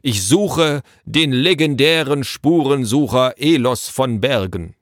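A man voicing a stiff, easily flustered royal messenger in a storybook reading, formal and slow. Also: medium pitch, no echo, clean studio sound, voice pushed up, close to an everyday voice. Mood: pompous.

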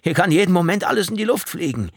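A man's voice: high-pitched, expressive, very slow, dry recording, clean studio sound, pitched above the performer's own voice, full character voice. A man voicing an injured, panicked crash survivor who talks urgently, strained and in pain.

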